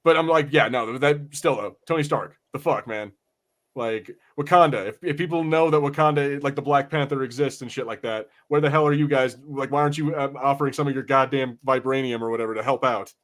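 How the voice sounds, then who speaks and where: A man co-hosts a podcast, chatting casually about pop culture in a profane, exasperated rant. His medium-pitched voice is steady in tone and brisk.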